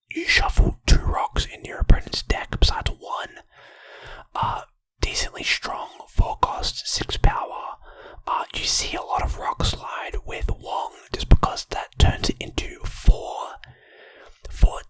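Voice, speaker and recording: A person whispering informal, hesitant ASMR commentary on a card game, breathy, with wet mouth clicks, close to the microphone. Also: extremely high pitch, a bit bright, no echo. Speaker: ASMR content creator.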